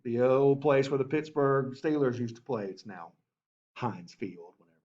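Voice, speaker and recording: A man teaching a history class in a lively way, often asking the class and saying okay. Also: medium pitch, moderate pace, lo-fi sound.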